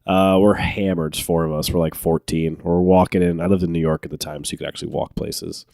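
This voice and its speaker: A young man co-hosting a podcast, telling stories animatedly, laughing and jumping into high quoted voices. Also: level tone, brisk, gravelly, a little mellow, no echo, clean studio sound. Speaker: podcast co-host. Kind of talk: casual storytelling chat.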